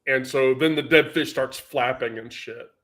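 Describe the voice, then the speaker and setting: A man's voice: medium pitch, fairly even intonation, normal speed, fairly bright tone. A man vlogging in casual storytelling mode, rambling and profane, with many fillers.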